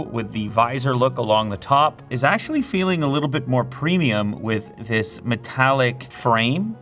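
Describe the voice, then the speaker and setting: A man hosting a hands-on product review, explaining features and reading off specs in a brisk, explanatory way. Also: mid-range voice, a bit bright. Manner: brisk, spec-listing, explanatory. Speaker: tech reviewer host.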